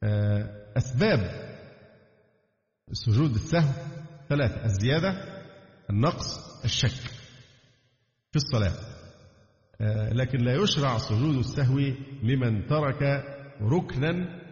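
A man with an Egyptian accent teaching Islamic jurisprudence, reading from a text and adding colloquial explanations with pauses and fillers. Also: mid-range voice, lively intonation, a little mellow. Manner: reads a text aloud, then breaks off into colloquial asides with hesitations. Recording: echoey hall, dull lo-fi sound.

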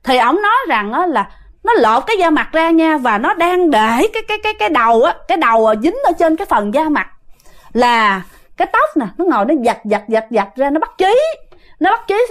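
A woman with a Southern Vietnamese accent narrates a ghost story in a high voice. Her pitch leaps around a lot, and she keeps speaking directly to her listeners. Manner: animated, addresses listeners directly.

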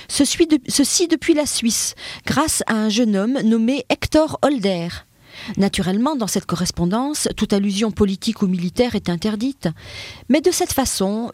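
A woman narrating a history segment on a radio course, reading a prepared text in a measured way. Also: on the high side, no room sound.

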